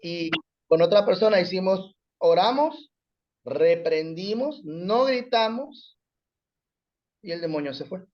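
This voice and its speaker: A man speaking in an online class, telling a personal story with lively acted-out quotes. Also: high voice, slow pace, pauses often, highs cut off. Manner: animated storyteller, acts out quoted shouts. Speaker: class participant.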